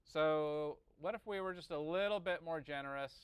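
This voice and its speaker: In a casual technical lesson, a man walks through a calculation out loud and checks understanding with short questions. He teaches audio engineering, speaking at a moderate pace in a clean voice on the high side, with no room sound.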